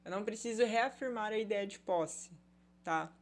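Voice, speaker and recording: A woman teaching a basic Mandarin class online. She explains patiently, checks in with "tá?", and slows down to model the Chinese words. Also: medium pitch. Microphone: recorded online class.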